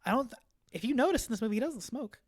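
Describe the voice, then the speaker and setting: A man's voice: very high-pitched, animated, racing. A man hosting a casual movie review podcast, chatting loosely and restarting his sentences often. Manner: chatty, retells scenes with frequent restarts. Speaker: podcast host. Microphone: podcast microphone.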